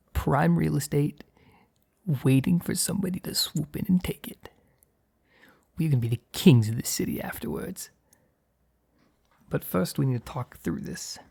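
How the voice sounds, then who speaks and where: Here a man plays a quick-tempered crime boss concealing his business from his partner, his medium-pitched voice rough and husky, for an ASMR roleplay. With the crew he's all tough street slang and orders; around his partner he turns flustered, whispering and stammering.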